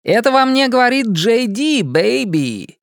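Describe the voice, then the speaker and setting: A rowdy, show-off boy in an audiobook who clowns in mock announcer and tough-guy voices. He sits well above the narrator's pitch and pushes it louder, voiced by the reader. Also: very animated, measured pace, creaky, no room sound, clean studio sound. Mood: clowning.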